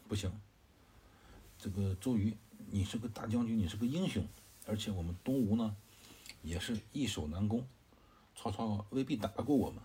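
A man's voice: fairly low pitch, normal speed, long pauses, dark tone, slight background noise, close to an everyday voice. A man voicing an earnest adult male advisor who protests in a plain, conversational storytelling voice. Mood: protesting.

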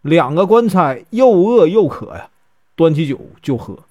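A man with a Northeastern Mandarin accent telling a classic tale in a chatty way, with many drawn-out fillers. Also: fairly high pitch, very animated, darkish tone, dull audio. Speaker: storyteller. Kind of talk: casual storytelling.

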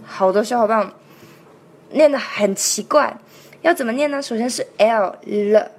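A woman teaching how to sing a song, explaining sounds in detail and repeating each word slowly several times to demonstrate. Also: on the high side, a little mellow. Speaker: singing and pronunciation teacher. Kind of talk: step-by-step song pronunciation lesson.

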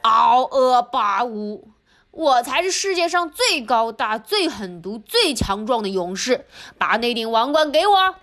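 A woman doing a slow roaring bully giant. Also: a little high, sing-song, fairly bright tone, heavily acted. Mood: menacing. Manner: slow, drawn-out roaring threats. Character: huge bullying male giant, later a meek son. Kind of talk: storybook reading.

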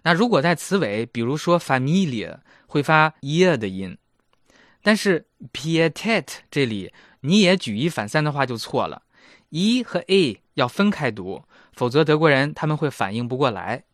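A man's voice: fairly high pitch, big pitch swings, normal speed, fairly bright tone, dry recording, studio quality. A man in his thirties hosting a casual language lesson, chatty and self-mocking. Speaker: German language teacher and host.

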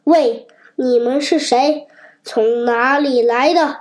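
Selfish storybook giant read by a woman with a cold, gruff and bossy, slow, high delivery. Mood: angry. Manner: gruff, shouting orders. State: has a cold. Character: grumpy selfish male giant.

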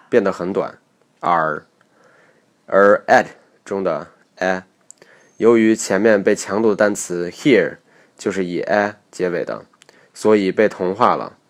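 Male pronunciation teacher with a deep voice and a slow, careful lesson delivery that breaks down each syllable. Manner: methodical, explains each syllable step by step; reads English example sentences aloud.

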